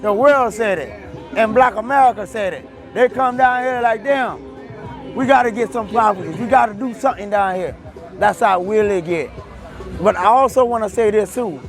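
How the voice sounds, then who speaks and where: Emphatic man on a loud street. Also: high-pitched, moderate pace. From Miami, Florida. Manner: loose, emphatic street talk. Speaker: restaurant owner. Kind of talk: street interview. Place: outdoors on a busy street. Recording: outdoor street with music and crowd. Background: music and crowd noise.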